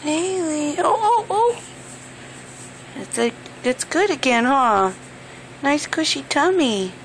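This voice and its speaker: A woman's voice: high-pitched, animated, slow, a little hiss or hum. A woman cooing to her newborn in sing-song baby talk, gasping and gushing between short phrases. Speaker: mother talking to her newborn.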